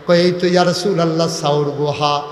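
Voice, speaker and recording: A man preaching a sermon, telling a story in a sing-song voice that climbs to loud shouts. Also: a little high, fairly even intonation, unhurried, slight background noise. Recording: echoey live PA sound.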